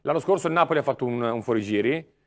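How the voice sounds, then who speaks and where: A man's voice: medium pitch, expressive, very fast. A man giving opinionated football transfer analysis on a casual talk show.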